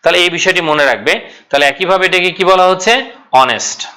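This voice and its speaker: Bright-voiced man teaching grammar. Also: high voice, fairly quick. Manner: explains step by step, asks and answers own questions, repeats key points. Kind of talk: online class lecture.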